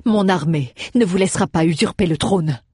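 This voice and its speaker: A woman voicing an arrogant male royal counselor in an audiobook, loud and indignant. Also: on the low side, normal speed, slightly rough, no echo, studio quality. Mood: defiant. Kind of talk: audiobook character voice.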